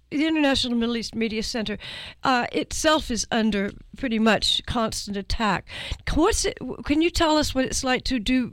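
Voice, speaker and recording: A woman hosting a radio talk show, welcoming a guest in a smooth radio host manner, halting with many fillers and restarts. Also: a little high, a bit bright, no echo.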